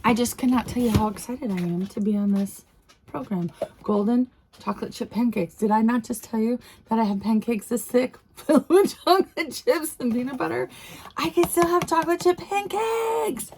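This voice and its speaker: A woman vlogger talking casually and gushing with excitement, laughing often as she goes. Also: a little high, normal speed, slight background noise. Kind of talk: casual unboxing vlog.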